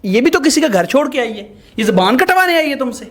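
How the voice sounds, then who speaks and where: High-voiced man lecturing a couple. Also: sing-song, fairly bright tone, a little hiss or hum. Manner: lecturing, moralizing, emphatic. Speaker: host mediating a couple's dispute. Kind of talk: confrontational reality-show mediation.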